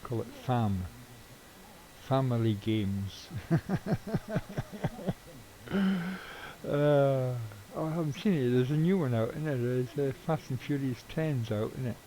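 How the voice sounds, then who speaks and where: Rambling man, mellow voice. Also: mid-range voice, unhurried, low-quality recording. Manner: rambling, swears casually, chuckles at own jokes. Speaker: streamer. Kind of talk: casual live-stream chat while gaming.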